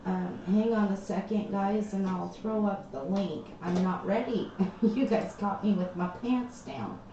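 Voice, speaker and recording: In dull, echoey lo-fi stream audio with faint noise behind her, a woman chats slowly on a casual livestream from her craft room, drifting off mid-sentence. Her voice is mid-range and dark, processed to sound hollow and tinny, like it's coming from inside a tin can.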